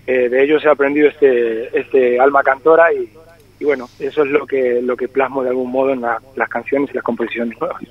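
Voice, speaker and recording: Talking briskly with a steady tone and medium pitch, this singer-songwriter in his forties, born in Spain with a light Argentine-tinged Spanish accent, muses through a phone interview full of hesitations. The call sounds tinny and dry.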